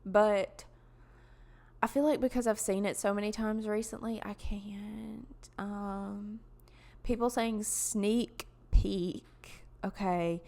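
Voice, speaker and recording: Young woman with a twang, podcast host, slow and meandering, lots of "like" and "um". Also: medium pitch, steady tone, a little mellow. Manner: rambling, chatty, lots of fillers and laughs. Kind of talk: casual solo podcast chat.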